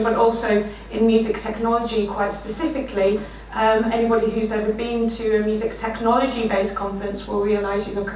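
Speaking at a medium pitch in a slightly croaky voice, a middle-aged woman gives a conference keynote from behind a desk in a lecture room, telling warm, self-deprecating anecdotes and laughing often. A distant room mic makes it echoey, with slight background noise.

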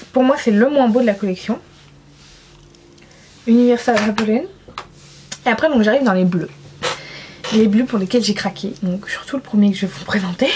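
A woman's voice: mid-range voice, a little mellow, slight background noise. A young woman from France chatting casually through a makeup swatch review, enthusiastic and self-mocking. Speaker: beauty vlogger.

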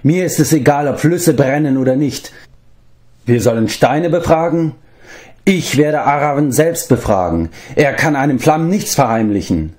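A man voicing a boastful, hot-tempered male bard who talks in an excitable, blustering way. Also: on the high side, moderate pace, pitched above the performer's own voice, lightly acted. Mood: eager.

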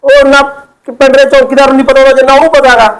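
A man's voice: very high-pitched, little pitch movement, racing. A man playing a coaxing village husband. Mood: soothing. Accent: Malwai Punjabi. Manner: coaxing, lecturing peacemaker. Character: young village husband calming a family row. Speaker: son and husband. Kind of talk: village comedy skit. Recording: noisy crowd in the background.

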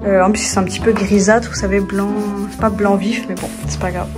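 A woman's voice: medium pitch, steady tone, a little fast, over music. A young woman, chatting casually to viewers in a rambling vlog, with many fillers and restarts. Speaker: vlogger.

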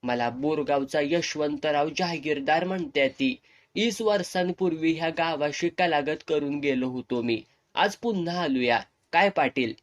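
A man's voice: fairly high pitch, unhurried, lightly acted. A man reading aloud, voicing a burly, swaggering middle-aged landlord who speaks with cocky mockery in rural dialect.

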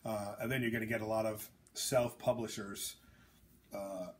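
A man's voice: fairly low pitch, fairly even intonation, moderate pace, slight background noise. A man, an author hosting a casual chat, talking bluntly and jokingly with lots of fillers and tangents. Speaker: author and host.

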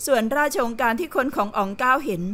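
A woman voicing a calm, shrewd male palace servant in an audiobook, speaking in a low, steady, composed way. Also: fast talker. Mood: grave. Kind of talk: audiobook character reading.

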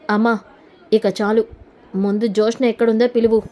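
Furious middle-aged father demanding the truth , read out by a woman with a mellow, higher voice. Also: level tone, moderate pace, close to an everyday voice. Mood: angry. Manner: forceful, accusing. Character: angry middle-aged man confronting his family.

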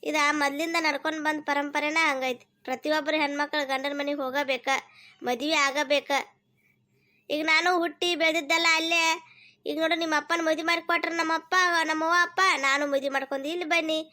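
A woman's voice: sits high, fairly even intonation, brisk. A woman voicing a loving village mother in a cartoon, speaking with a North Karnataka Kannada accent and coaxing her daughter tenderly. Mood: reassuring. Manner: tender, coaxing, scolding gently. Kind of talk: cartoon voice acting.

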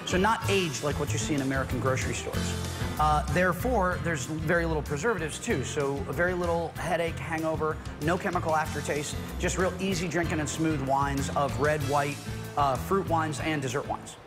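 A man's voice: fairly high pitch, moderate pace, music in the background. A middle-aged man, a winemaker, guiding a tasting in a friendly, explanatory way, recorded indoors in a winery on a lapel mic. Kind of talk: conversational product explanation.

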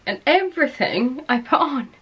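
A woman in her thirties chatting to camera at home as a lifestyle vlogger, telling stories in a lively way and laughing often. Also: sits high, moderate pace, a little hiss or hum. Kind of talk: casual vlog chat to camera.

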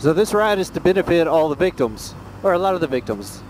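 A man's voice: a little high, very animated, a little fast, darkish tone. A man narrating a casual motovlog as he rides, speaking from inside his helmet. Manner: talking from inside a motorcycle helmet while riding. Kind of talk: casual vlog narration while riding. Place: on a motorcycle on a highway, outdoors. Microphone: mic inside a helmet. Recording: noisy helmet mic, clear road noise. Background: vehicle and road noise.

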